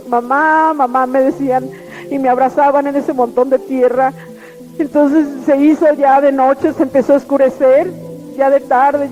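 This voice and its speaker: High-voiced woman giving testimony. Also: dark tone. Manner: earnest, repetitive storytelling. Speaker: testimony giver. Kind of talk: personal religious testimony. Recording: lo-fi radio broadcast with faint music.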